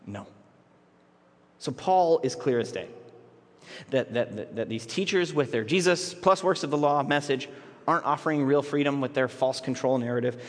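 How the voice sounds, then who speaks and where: A man's voice: mid-range voice, normal speed. A man preaching a sermon as pastor, in a conversational way with frequent restarts and repeated words. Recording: long hall reverb.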